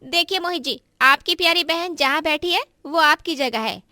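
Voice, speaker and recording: A woman voicing a quarrelsome young daughter-in-law in a cartoon story, who speaks in a sharp, taunting way. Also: high voice, normal speed, dry recording, studio quality.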